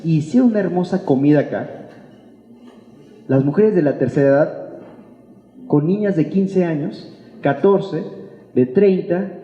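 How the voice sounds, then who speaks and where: A mellow, slightly high-voiced man with a Mexican Spanish accent preaches an informal sermon as a pastor to his church congregation. He's colloquial and playful, performing imagined remarks and asking rhetorical questions. The setting is a reverberant church hall, and the dull recording echoes with long reverb.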